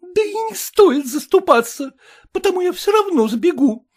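A woman's voice: sing-song, normal speed. A woman voicing a young tearful wife in a storybook reading, sobbing and accusing. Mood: hysterical. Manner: sobbing, accusing, high-strung. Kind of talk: audiobook reading.

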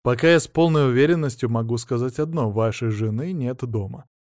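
A man doing a calm, dry-witted police detective. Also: medium pitch, a little fast, dry recording, close to an everyday voice. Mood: calm ironic. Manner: calm, ironic, quiet.

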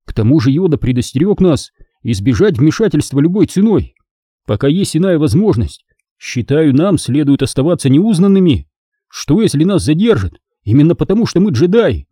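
A man voicing a calm, cautious teenage Jedi apprentice in an audiobook, speaking in a measured, gently reasoning way. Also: on the high side, breathy edge, dry recording, clean studio sound, pitched above the performer's own voice.

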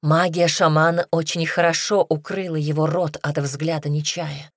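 A woman's voice: deep voice, flat delivery, normal speed, no room sound, studio quality. A woman narrator voicing a weary, grave mother explaining bad news in an audiobook. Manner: grave, sad.

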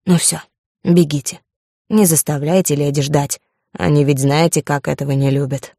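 A woman's voice: sits low, steady tone, normal speed, no echo, clean studio sound. A woman voicing a kind, plain-spoken old female cook who fusses over the girl. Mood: tender. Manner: homely, fussing, soft-hearted.

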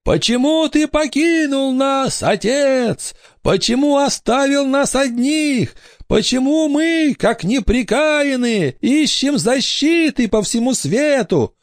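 A man's voice: very high-pitched, expressive, no room sound, studio quality, pitched above the performer's own voice, heavily acted. Cordelia, a man doing a scheming ghostly girl. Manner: drawn-out, eerie wailing. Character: cunning bold young girl faking a ghost. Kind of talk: audiobook character voice.

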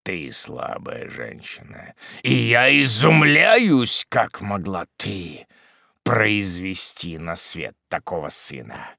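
A man's voice: sits low, big pitch swings, vocal fry, bright, forceful tone, no echo, clean studio sound, full character voice. A man reading an audiobook and voicing a cruel, mocking demon disguised as a dwarfish hermit, in a hollow, menacing voice. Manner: hollow, menacing, drawn-out, at times whispered.

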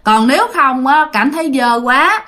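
A woman's voice: high-pitched, lively intonation, normal speed, bright, forceful tone. A woman narrating a ghost story in a chatty way, often turning to her listeners. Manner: chatty, addresses listeners directly.

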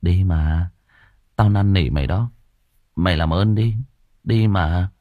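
A man voicing a big, burly teenage boy who stammers and talks in a hushed, scared way in an audiobook. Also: low voice, slow, dry recording, lo-fi sound. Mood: pleading. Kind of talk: audiobook character voice.

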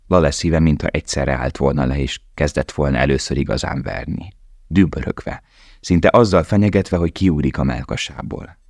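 A man reading a novel aloud in a calm, measured way. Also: a bass voice, gravelly, no echo, clean studio sound. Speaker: audiobook narrator. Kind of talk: scripted narration.

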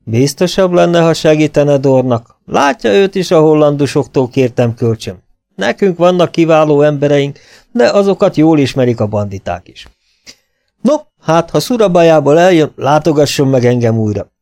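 A friendly old colonel, voiced by a male storyteller, speaks cordially and persuasively. His voice sits a little higher than the narration. The tone stays mellow and warm. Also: lively intonation.

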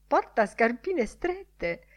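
A mocking young idler who loves a laugh, as a woman reading a novel puts him on. His lines come out lively and jeering. The voice sits higher than the narration and a little off the mic. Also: drawn-out words, heavily acted.

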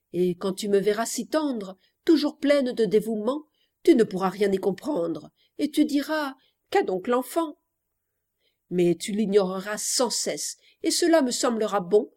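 A woman's voice: mid-range voice, darkish tone. A woman voicing an impulsive seventeen-year-old girl who longs to elope, declaiming a theatrical verse monologue. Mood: tender.

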